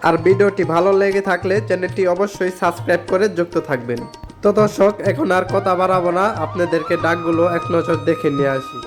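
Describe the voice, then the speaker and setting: Male Bangladeshi vlog narrator, fairly high voice, scripted delivery over clear background music. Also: quick pace. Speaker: channel host and narrator.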